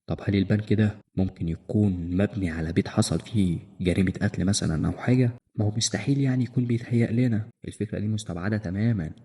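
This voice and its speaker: A man's voice: sits low, dark tone, breathy edge, long reverb tail. A man with an Egyptian accent narrating a first-person horror story in a tense, suspenseful way. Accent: Egyptian Arabic.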